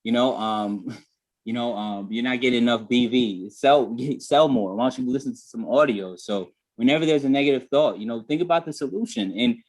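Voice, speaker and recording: A man's voice: medium pitch, brisk, a little mellow. A man on a group video call telling a candid personal story in a reflective way, full of "you know" fillers. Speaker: guest.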